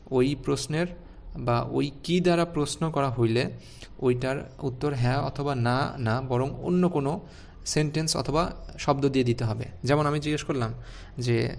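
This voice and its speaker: In his online spelling lesson, this man speaks with a creaky, medium-pitched voice, and a faint hiss or hum can be heard. He breaks the rules down step by step and asks his students rhetorical questions.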